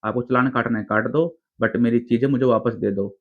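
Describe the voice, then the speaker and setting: A man's voice: medium pitch, steady tone, fairly quick, lightly acted. A man voicing a pushy young traveller, tinny. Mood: irritated. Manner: blunt, informal questioning. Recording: tinny phone-like recording.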